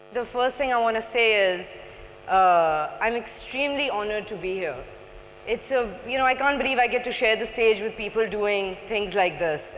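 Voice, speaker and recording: Female speaker, Pakistani accent, informal stage talk, conversational, mid-pitched, big reverberant hall. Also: a little hiss or hum. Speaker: non-profit founder, guest speaker. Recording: echoey hall PA with long reverb.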